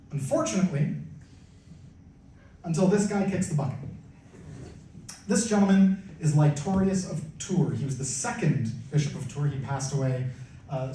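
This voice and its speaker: A man from Canada giving a storytelling presentation at church, acting out quotes and often restarting his sentences. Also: fairly high pitch. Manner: lively storytelling with acted-out quotes and frequent restarts. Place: church hall. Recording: very echoey room from far off.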